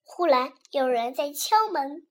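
选角：女声儿童故事讲述者，声音高亮，语速慢。. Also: female voice, high voice, unhurried. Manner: animated, expressive reading. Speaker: children's storyteller. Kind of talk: children's storybook reading.

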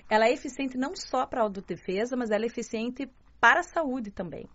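A woman's voice: on the high side, animated, brisk, fairly bright tone. A woman with a Curitiba Brazilian accent, chatting as an interview guest and explaining things with frequent checking tag questions. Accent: Curitiba Brazilian Portuguese. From southern Brazil, Curitiba. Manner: explanatory, often seeks agreement with tag questions. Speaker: interview guest, journalist and martial arts student. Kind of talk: relaxed conversational interview. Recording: slightly dull, lo-fi interview recording.

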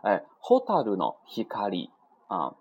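Chatty man teaching with a lively voice. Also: lowish voice, slow, husky, highs cut off. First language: Chinese. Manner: chatty, asks many tag questions. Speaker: Japanese teacher. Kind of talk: casual recorded lesson.

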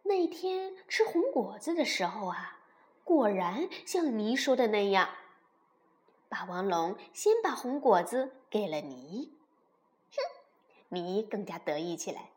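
A woman reading a children's bedtime story aloud in a slow, expressive storybook manner. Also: medium pitch.

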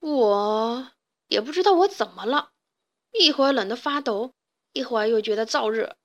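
A woman's voice: fairly high pitch, animated, normal speed, dull audio, natural voice. A woman voicing a young rooster boy who stammers and gets flustered. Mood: confused.

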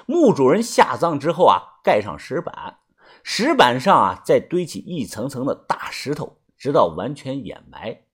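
A man's voice: mid-range voice, big pitch swings, unhurried, breathy edge. A man narrating a story in a chatty way, stretching particles at the ends of his phrases. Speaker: audiobook narrator.

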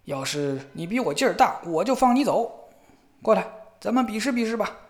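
Man doing a big old bearded demon, roars and threatens, higher than you'd think. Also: moderate pace, natural voice. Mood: challenging. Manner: roaring, threatening.

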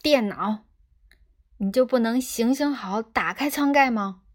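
A woman reading the lines of a brash, impatient two-headed male space rogue, blunt and loud. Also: mid-range voice, normal speed, natural voice.

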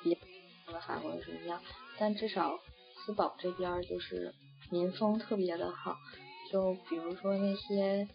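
This young Chinese woman's voice is lowish and steady, with vocal fry, and she moves at a moderate pace. She's being interviewed in an informal chat, wandering off track with frequent fillers and restarts. Faint music plays under the dull, low-fidelity recording.

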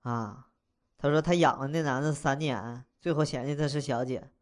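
A man's voice: medium pitch, moderate pace. A young man telling a funny personal story in a casual, slangy, wisecracking way, chuckling as he goes.

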